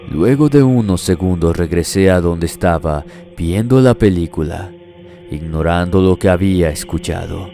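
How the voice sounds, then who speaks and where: A man reading a horror story aloud as a scripted narration, in a slow, measured storytelling manner. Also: low voice, warm tone. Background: faint music.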